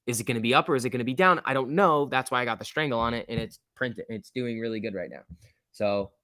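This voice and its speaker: A man's voice: mid-range voice, quick pace, pushed and bright, clean tone, no echo, studio quality. A man hosting a live stock trading stream, chatting casually in slangy, chummy off-the-cuff commentary as he answers viewers. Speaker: stock trading livestream host.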